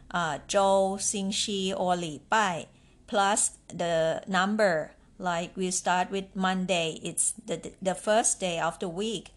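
A woman with as her language hosts a podcast lesson for learners. She speaks at a slow, deliberate pace in a medium-pitched voice, enunciating and repeating words in an instructional way. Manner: instructional, addresses listeners with prompting questions. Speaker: language teacher and podcast host.

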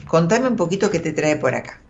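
With a low, sing-song, brisk delivery, an Argentine tarot reader runs a live call-in radio show, chatting informally and reassuringly and often using tag questions. Her darkish voice has vocal fry and a breathy edge, captured in dull, band-limited audio.

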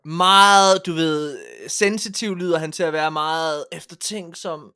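Male podcast host, high voice, informal and sweary, rambling storyteller in loose conversation. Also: steady tone, bright, forceful tone, clean tone. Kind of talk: casual chat, anecdotal storytelling.

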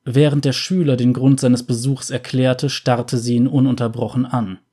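A man narrating a fantasy story in a calm, measured way. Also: mid-range voice, slightly rough.

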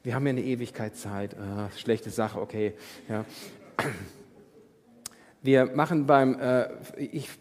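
A man preaching a sermon as a pastor, asking rhetorical questions and swinging between loud emphasis and whispers. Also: mid-range voice, steady tone, measured pace, long pauses. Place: church hall. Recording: long church hall reverb.

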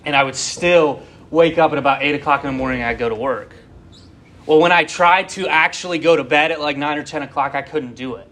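A man's voice: a little high, a little fast, fairly bright tone. A man in his twenties giving a casual, rambling sermon and talking straight to his listeners. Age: 20s. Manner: rambling, conversational, addresses listeners directly. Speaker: preacher.

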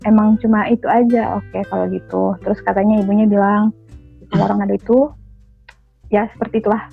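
Over a phone line, a woman with a gravelly, slightly rough, medium-pitched voice talks a little fast with little pitch movement, and faint music plays behind her. She lives in Manado but isn't originally from there, and as a caller she tells a chatty, aggrieved story in casual conversation, quoting what others said.

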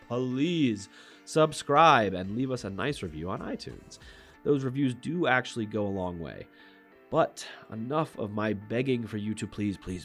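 A man co-hosting a podcast, chatting casually and joking as he corrects himself. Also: lowish voice. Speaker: podcast co-host.

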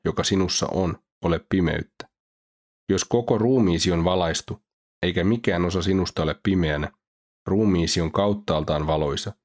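A man with a very low voice reads scripture aloud. His delivery is steady and formal, like a scripted audiobook reading. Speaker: scripture reader.

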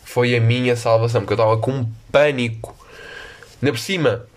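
A man's voice: mid-range voice, steady tone, fairly quick. A young man with a European Portuguese accent telling a rambling, self-mocking story in casual, slangy talk. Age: young adult. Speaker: podcast host.

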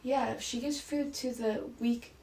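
A woman's voice: fairly high pitch, fairly even intonation, measured pace, darkish tone, poor audio. A woman on a podcast, explaining things matter-of-factly in casual chat.

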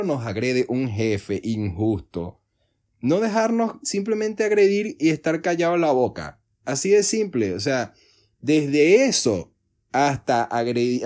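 A man's voice: mid-range voice, a little mellow. A man, hosting a solo podcast, explaining earnestly and acting out little dialogues in changing voices. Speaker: podcast host.

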